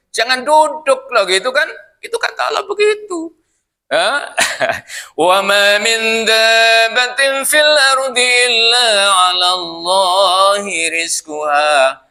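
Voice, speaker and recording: A man's voice: high-pitched, pushed and bright. A middle-aged man, preaching in a mosque and teasing his listeners with questions. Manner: playful, teasing the audience with questions. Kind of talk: sermon.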